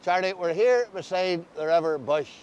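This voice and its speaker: A man's voice: lively intonation, normal speed, darkish tone, clean tone, muffled recording. A man with an Ulster accent interviewing someone conversationally as host, recorded outdoors. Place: outdoors beside a river. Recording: faint outdoor rumble and noise.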